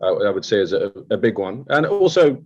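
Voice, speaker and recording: Deep male guest, slightly dull recording. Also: sing-song, fairly quick. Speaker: interview guest. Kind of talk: casual interview chat.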